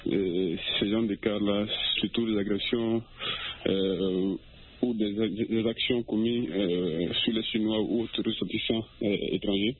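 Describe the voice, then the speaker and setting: A man from Mali calling in to a radio show, heard over a phone line, hesitant with many pauses and fillers. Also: fairly low pitch, steady tone. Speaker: caller. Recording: muffled husky phone line.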